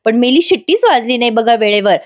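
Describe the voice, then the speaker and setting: An eager, bustling household helper woman who rushes to please everyone, voiced by a narrating woman. The voice sits fairly high and quick to offer, told like a storybook retelling. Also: animated, lightly acted.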